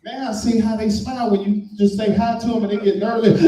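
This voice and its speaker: Male stand-up comedian, storytelling, slightly high voice, mellow tone, echoey room, heard from a distance. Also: steady tone, normal speed. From Washington, D.C. area. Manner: storytelling, acts out voices, sings briefly. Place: live comedy show in a room.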